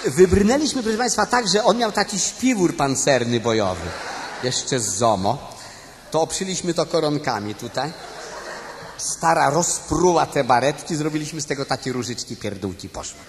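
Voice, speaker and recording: A man's voice: a little high, lively intonation, moderate pace, a crowd in the background, noisy background. A man performing a live cabaret monologue, chatting straight to the audience in a storytelling manner with tag questions. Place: stage before a live audience. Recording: live stage recording with long hall reverb and music.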